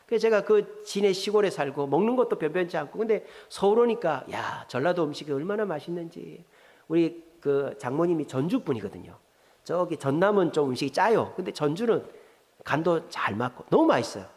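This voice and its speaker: A man's voice: fairly high pitch, animated, brisk, darkish tone. A middle-aged pastor with a Gyeongsang Korean accent, preaching in a chatty way, quizzing his congregation and telling jokes. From South Korea, Gyeongsang region. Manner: conversational, asks the congregation questions, jokes. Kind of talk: sermon. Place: church sanctuary. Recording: long hall reverb in a church.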